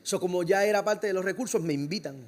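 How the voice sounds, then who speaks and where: High-voiced Puerto Rican pastor preaching. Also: male voice, fast. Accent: Puerto Rican Spanish. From Puerto Rico. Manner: animated, acts out dialogue, laughs at himself. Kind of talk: sermon storytelling.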